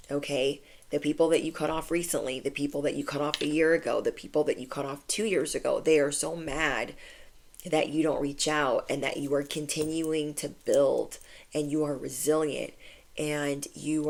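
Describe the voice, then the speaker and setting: A spiritual reader shares a casual channeled message with her viewers, chatty and affirming and saying "like" often. Her voice sits low with vocal fry.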